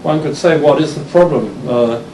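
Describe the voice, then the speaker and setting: Born in England but from Denmark, a fiftyish man with an English accent lectures at a conference in a fairly high-pitched voice. He often stumbles, restarting sentences and filling pauses, and the sound is distant and roomy with noise from the hall.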